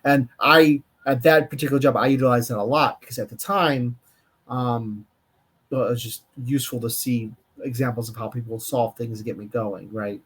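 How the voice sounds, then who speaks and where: A man's voice: medium pitch, fairly even intonation, normal speed, breathy edge. A man co-hosting a live-streamed data podcast, tired and yawning, talking in a rambling way with many fillers and restarts. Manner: rambling, self-correcting, lots of fillers. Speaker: podcast co-host, data engineer. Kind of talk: casual live-stream chat.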